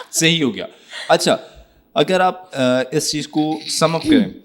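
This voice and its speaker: A man's voice: fairly high pitch, big pitch swings. A man with a Pakistani Urdu accent hosting a casual interview, asking probing and teasing questions. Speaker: interview host.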